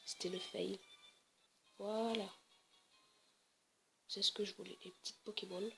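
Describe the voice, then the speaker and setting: A woman's voice: medium pitch, level tone, measured pace, vocal fry, fairly bright tone, faint music behind. A woman casually commenting on her game, chatty and hesitant, often correcting herself. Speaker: let's play gamer.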